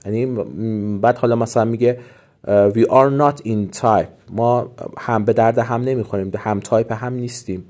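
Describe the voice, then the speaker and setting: A man giving a casual language lesson, saying English phrases slowly and then explaining them quickly. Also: medium pitch, fairly even intonation, a little mellow. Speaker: English teacher.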